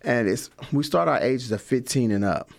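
A middle-aged man, a guest in an interview, answering in a relaxed, rambling way with many fillers. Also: mid-range voice, normal speed, vocal fry. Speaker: guest, community organizer.

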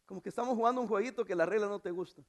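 Gravelly-voiced male pastor preaching. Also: racing. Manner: swings from hushed to loud emphatic preaching; acts out quoted voices in a high pitch. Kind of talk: sermon.

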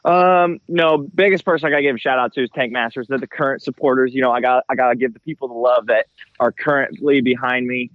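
A man's voice: medium pitch, steady tone, fast talker, dry recording. A man giving casual, slangy interview answers as a racer, often checking in with "right?", talking through headphones used as a mic. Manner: informal, slangy, frequent check-in tags like "right?" and "you know". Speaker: motocross racer being interviewed. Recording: slightly dull, dry headphone-mic sound.

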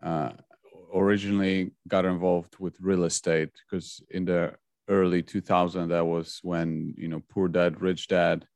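Polish-accented man with a very deep voice. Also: flat delivery, a little slow, creaky, darkish tone, dry recording. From Poland. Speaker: guest investor. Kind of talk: podcast interview.

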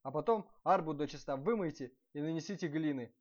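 A man voicing a proud, hot-tempered prince of old who shouts commands at his servants. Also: fairly high pitch, fairly quick, natural voice. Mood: commanding. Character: furious proud old-time male prince, barking orders. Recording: dull lo-fi recording.

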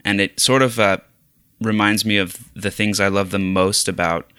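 A man's voice: lowish voice, fairly even intonation, moderate pace, sharp tone, clean tone, dry recording, clean studio sound. A man co-hosting a podcast, chatting casually about video games with many hesitant restarts. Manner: hesitant, lots of restarts and fillers. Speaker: podcast co-host. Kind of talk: casual gaming chat.

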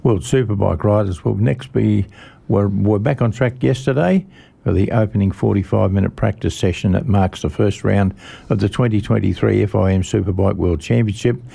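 Gravelly Australian man hosting radio motorsport. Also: fairly low pitch, normal speed, warm tone. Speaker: radio host of a motorsport show. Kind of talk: reading scripted motorsport news on radio. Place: radio studio.

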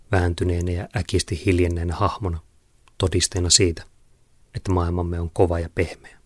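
A man with a very low voice narrates a story in a solemn, theatrical way, turning often to address his listeners. The sound is dry and close. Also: no echo.

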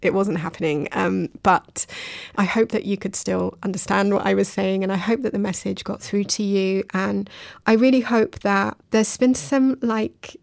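A woman with a gravelly, fry-tinged voice talks alone into a dry, close mic as a podcast host. She is reflective and earnest, speaks affectionately to her listeners, and sounds a little emotional. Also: mid-range voice, fairly even intonation, moderate pace, darkish tone, no echo. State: emotional, recently crying. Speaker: podcast host and creative coach. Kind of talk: casual solo podcast monologue.

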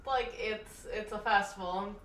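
A woman's voice: mid-range voice, steady tone, measured pace, a bit bright. A woman chatting casually as a player in a tabletop game, recorded in an echoey room. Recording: echoey room, distant mic, faint noise.

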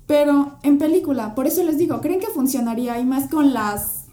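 A young woman hosts a casual podcast. She explains each topic and asks the group what they think. Her voice is fairly high and mellow, and the room around her sounds echoey. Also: normal speed. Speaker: podcast host. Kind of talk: casual chat.

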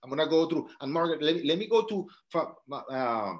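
A man's voice: a little high, animated, a little fast. A man from South Dakota leading a real estate team meeting over a video call, encouraging and checking in with "all right?" often. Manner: encouraging, repeats phrases, frequent "all right?" check-ins.

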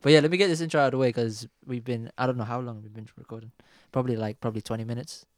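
A man's voice: medium pitch, fairly even intonation, very fast. A man with a London roadman accent hosting a casual podcast, full of slangy, boisterous banter. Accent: London, urban street slang. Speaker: podcast host.

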